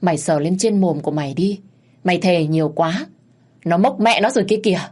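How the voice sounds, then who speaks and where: A woman voicing a furious, sharp-tongued betrayed village wife who scolds and curses. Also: lowish voice, fairly quick, close to an everyday voice. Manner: scolding, cursing, mocking.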